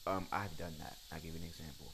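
Deep-voiced man ranting bluntly. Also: steady tone, fast talker, creaky, background noise. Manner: blunt, profane, slangy and emphatic. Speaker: podcast host. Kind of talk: casual solo rant.

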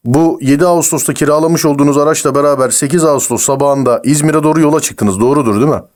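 Pushy fast-talking man on a prank call. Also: on the high side, darkish tone. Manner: pushy, interrogating, rapid-fire. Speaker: prank caller posing as crime officer.

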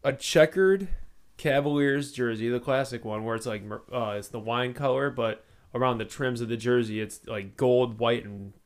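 A man's voice: medium pitch, normal speed. A man in his thirties co-hosting a casual podcast, joking around and swearing freely. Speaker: podcast co-host.

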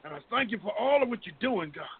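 Fast and slightly rough, this middle-aged man's high voice carries lively intonation as he leads others in prayer. He pleads with fervor, speaking off the cuff and invoking God over and over, heard through tinny, phone-line-like audio.

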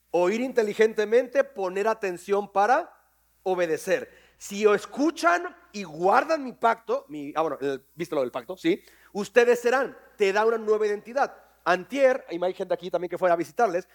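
A man preaching a sermon to his congregation, lively and jokey, quizzing people on verses. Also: sits high. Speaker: pastor. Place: church hall with congregation.

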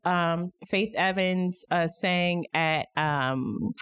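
A woman's voice: lowish voice, extremely slow, a bit bright, clean tone, dry recording, studio quality. A woman in her thirties co-hosting a podcast, chatting casually and candidly, rambling and laughing often. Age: 30s. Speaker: podcast co-host. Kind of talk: casual chat.

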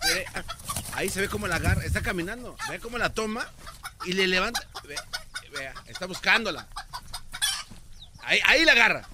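A man playing a loud, excitable rancher's lawyer in a comedy radio mock trial. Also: sits high, fairly quick, long pauses, background noise. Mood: pleading. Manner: shouting, accusing, laughing.

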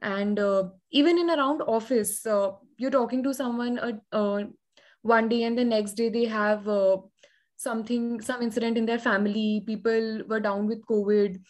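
A young adult woman with an Indian accent, talking reflectively in a casual discussion with hesitant, measured phrasing. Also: a little high, steady tone, a little mellow.

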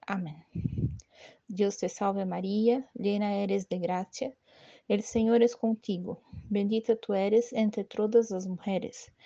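Woman prayer leader, deep mellow timbre, steady devotional recitation, muffled lo-fi recording. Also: creaky. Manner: measured, steady recitation with a human slip.

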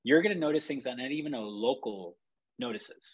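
A man's voice: mid-range voice, sing-song, fairly quick, gravelly, husky, highs cut off. A man from Chile, a photographer, talking in a rambling, reflective way with many fillers and restarts. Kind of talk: casual podcast chat.

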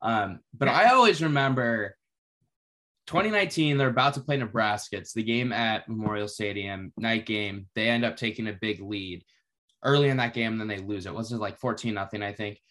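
Young male host, easygoing storyteller, fairly low voice. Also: moderate pace. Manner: relaxed storytelling, casual swearing. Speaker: podcast host. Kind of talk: casual podcast chat.

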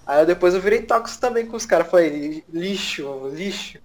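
A man's voice: high voice, fast talker, a little mellow. A young man with a Brazilian Portuguese accent chatting casually and with plenty of slang. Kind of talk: casual gaming chat, slangy.

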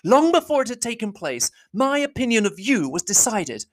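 A reader voicing an indignant, proud young woman who accuses in heated, rapid declamation. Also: medium pitch, sing-song, pitched above the performer's own voice, lightly acted. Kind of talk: audiobook reading.

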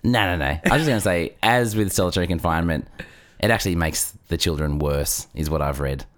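A man's voice: low voice, brisk, fairly bright tone. A man co-hosting a casual podcast, reading out figures and adding dry, jokey asides. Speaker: podcast co-host.

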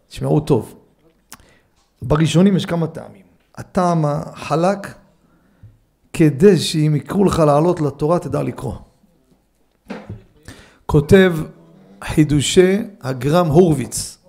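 A middle-aged man, a rabbi, giving a Torah lesson in a study hall, mixing teaching with animated, humorous anecdotes. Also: fairly high pitch, creaky. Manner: animated storyteller, acts out scenes with humor.

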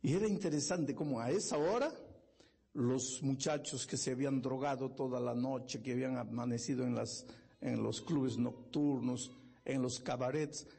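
A man's voice: moderate pace, gravelly, slightly rough. A male pastor preaching a sermon, telling a story with impassioned, building emphasis in a church. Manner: impassioned, building to loud high-pitched emphasis.

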